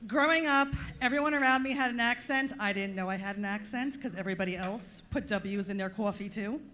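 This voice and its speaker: Her mid-range voice has a sharp edge and moves a little fast. She's a Long Island native with the matching accent, onstage at a comedy club in front of an audience, trading in dry, self-deprecating punchlines.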